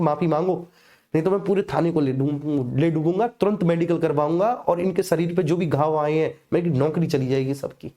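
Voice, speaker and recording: This male coaching teacher, who has a North Indian accent, speaks in a warm, somewhat high voice during a live online exam lecture sprinkled with personal stories. He explains things colloquially and didactically, frequently dropping in brief tag phrases to check on his students.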